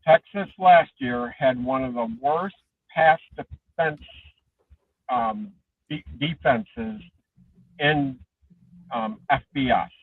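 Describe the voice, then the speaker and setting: A man calling in to a sports talk show over a phone headset, his voice muffled as if heard through a wall, talking haltingly with many ums and restarts. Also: mid-range voice, dry recording. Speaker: caller. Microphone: Bluetooth phone headset. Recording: muffled far-off phone line.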